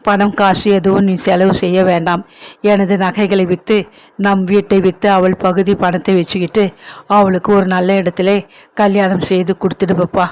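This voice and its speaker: A man's voice: sits high, little pitch movement, normal speed, natural voice. A man voicing an elderly ailing mother who pleads with her son, emotional and remorseful. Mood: pleading.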